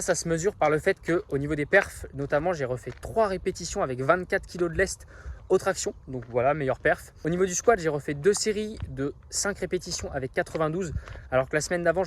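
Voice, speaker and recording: A man's voice: high voice, a little hiss or hum. A man casually explaining things to camera in a vlog, upbeat and full of small fillers. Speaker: fitness vlogger.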